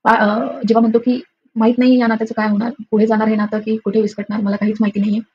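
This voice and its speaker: A woman's voice: a little high, flat delivery, very fast, darkish tone, slightly rough. A woman casually retelling a TV serial episode, rambling with lots of filler sounds and restarts. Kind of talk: casual spoken episode recap. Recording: dull lo-fi audio with faint noise.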